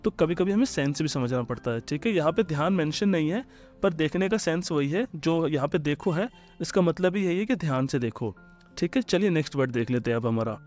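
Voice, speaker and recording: Indian man teaching English words slowly. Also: fairly high pitch, animated. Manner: friendly, addresses listeners as friends; repeats each English sentence slowly. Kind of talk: vocabulary lesson. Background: soft background music.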